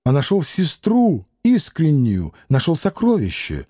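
A man reading an audiobook and voicing a gentle, grieving young man who speaks firmly and earnestly. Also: fairly high pitch, huge pitch swings, unhurried, breathy edge, no echo, studio quality, exaggerated voice. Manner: firm, earnest.

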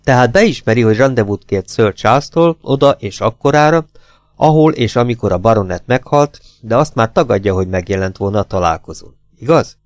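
A man narrating an audiobook in a measured, composed way, asking pointed questions. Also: mid-range voice, expressive, no room sound, clean studio sound. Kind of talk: audiobook reading.

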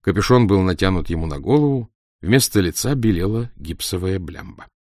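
A man reads a children's story aloud in an expressive, storytelling manner. His voice sits on the low side, with lively rises and falls. The recording is dry and close. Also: brisk, no room sound. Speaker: narrator. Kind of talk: audiobook reading of a children's story.

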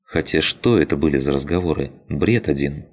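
A male audiobook reader with an extremely low voice. He narrates the story in a steady, even manner, keeping an unhurried storytelling flow. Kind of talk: scripted narration.

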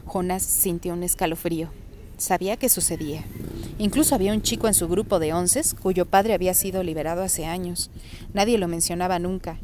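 A woman calmly reading a chapter of a novel aloud, narrating in a steady way. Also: lowish voice, brisk, background noise. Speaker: reader.

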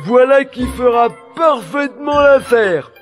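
A man's voice: very high-pitched, expressive, measured pace, voice pushed up. A man doing a goofy, cheerful peasant lad. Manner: goofy, drawling, self-assured. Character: cheerful simple young peasant, bold and silly. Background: music bed.

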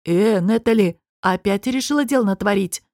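A woman's voice: medium pitch, moderate pace, darkish tone, no echo, clean studio sound, natural voice. A woman voicing an irritable male court official who growls and mocks. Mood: sarcastic. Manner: growling, sarcastic.

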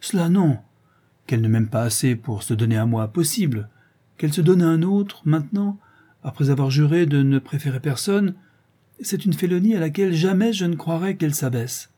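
A man reading aloud and voicing an earnest, lovesick young gentleman who speaks with passion. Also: on the high side, moderate pace, slightly rough, pitched above the performer's own voice. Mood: impassioned.

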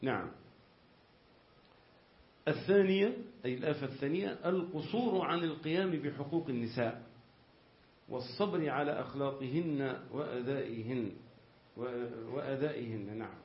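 An Egyptian man teaching a religious lesson at an average pitch. He reads from a classical text and then explains it in plain colloquial speech, asking his listeners rhetorical questions. The recording is roomy and slightly muffled, with a faint hiss underneath. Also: moderate pace, pauses often.

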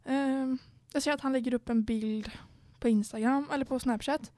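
A woman's voice: high voice, steady tone, warm tone, dry recording. A young woman hosting a podcast, chatting casually and telling a story while acting out what people said. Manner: storytelling, acts out quoted dialogue. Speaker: podcast host. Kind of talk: casual chat.

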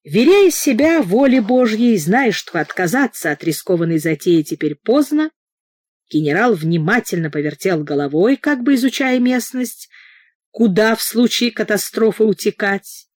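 Woman narrator for an audiobook: expressive delivery, dry close mic. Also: mid-range voice, moderate pace, no room sound. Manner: expressive reading with character voices. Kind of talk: audiobook narration, reading a novel.

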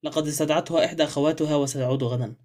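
A man reads a courteous middle-aged retired major in an audiobook mystery. He answers politely and chats on at a quick pace, in a slightly raised voice. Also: fairly high pitch, fairly even intonation, a little mellow, natural voice. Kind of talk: audiobook character reading.

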